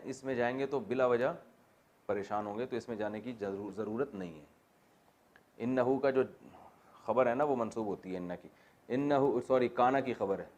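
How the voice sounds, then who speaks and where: A medium-pitched male teacher runs a Quran exegesis class, explaining Arabic grammar. He puts questions to his students and mixes in joking asides.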